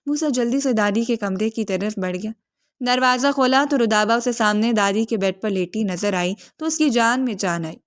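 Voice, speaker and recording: Woman narrator, scripted storybook reading, steady, fairly high voice.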